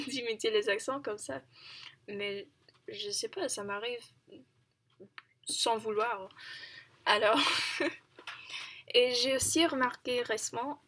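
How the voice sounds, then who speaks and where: A woman's voice: on the high side, fairly bright tone. A young woman who is not a native speaker, talking through her thoughts in a casual, self-conscious vlog monologue. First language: not French. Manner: chatty, self-conscious, thinking aloud. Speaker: language learner.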